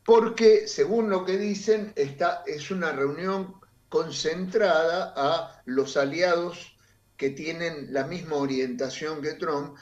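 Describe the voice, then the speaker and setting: A man, a political analyst giving measured, emphatic commentary in an interview and often pausing on fillers. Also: on the high side, dull audio, slight background noise.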